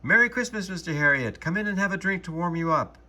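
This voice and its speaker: A man voicing a kind, worried older woman who owns a cat, in a soft, trembling voice, reading a storybook aloud. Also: on the low side, expressive, moderate pace, slightly rough. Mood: cheerful.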